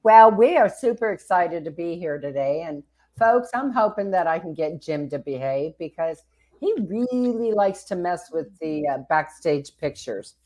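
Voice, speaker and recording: A woman co-hosts an inspirational talk show in a lowish voice. She sounds upbeat and chatty and speaks straight to the viewers. Her tone stays casual and friendly. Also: lively intonation, moderate pace, a little mellow. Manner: upbeat, laughing, addresses viewers as folks. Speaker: co-host.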